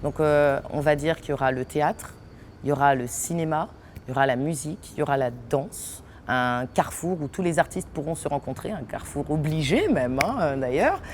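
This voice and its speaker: A woman from French Guiana, an actress who owns a theatre company, answers interview questions in an unfinished theatre hall. Her low voice moves fairly quickly, full of laughter and hesitations, and there is slight background noise.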